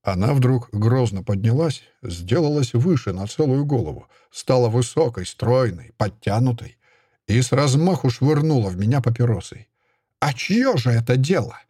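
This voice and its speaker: A man reading a literary audiobook in the first person, with expressive storytelling. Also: mid-range voice, normal speed, husky, no room sound, clean studio sound. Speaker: audiobook reader.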